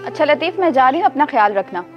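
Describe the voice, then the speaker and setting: A woman's voice: high-pitched, very animated, quick pace, lo-fi sound, loud music behind the voice. An actress playing a poor, humble housemaid and mother who pleads and apologizes. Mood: weary. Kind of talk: amateur drama acting.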